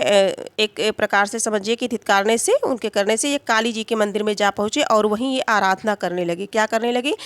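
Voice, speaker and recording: A woman with a fairly high voice teaches grammar in an unhurried, patient way. She keeps asking a question and answering it herself, with many small fillers and check-ins. The recording is dry and close, with no room sound. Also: fairly bright tone, clear, resonant tone, no echo. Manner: explains slowly, asks and answers her own questions. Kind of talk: exam-prep grammar lesson.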